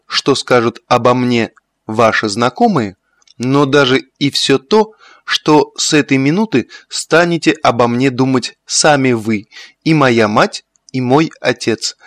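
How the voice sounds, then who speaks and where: A man's voice: mid-range voice, expressive, slow pace, dry recording, studio quality. A man voicing a proud, defiant young woman in an audiobook, speaking sharply.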